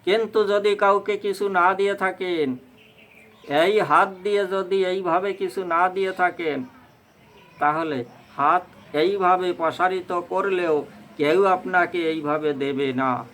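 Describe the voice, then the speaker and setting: A man with a Bengali accent giving a fervent devotional sermon on scripture, addressing the listeners as mothers and breaking into slow chanting. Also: high voice, steady tone, fairly bright tone, a little hiss or hum, rough recording. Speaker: Bhagavata reciter.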